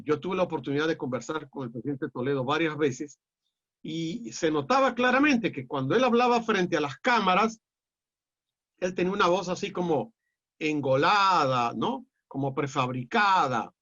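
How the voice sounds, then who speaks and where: A middle-aged man with a Peruvian accent lecturing a class in a measured, explanatory way, often pausing on "eh". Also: a little high, lively intonation, a bit bright. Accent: Peruvian Spanish. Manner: measured and explanatory, with frequent "eh" fillers and restarts. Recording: dull lo-fi audio.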